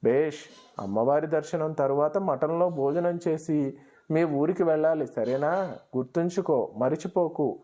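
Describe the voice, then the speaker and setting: A man's voice: on the high side, a little slow, warm tone, muffled recording, natural voice. A man voicing a revered old holy man in a storybook reading, kindly but stern, speaking in a commanding, knowing way.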